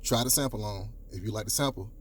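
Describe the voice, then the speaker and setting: Deep-voiced man giving blunt dating advice. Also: fast talker, a little hiss or hum. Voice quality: deep baritone. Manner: coaching, emphatic, repeats points, casual profanity. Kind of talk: direct-to-camera advice talk.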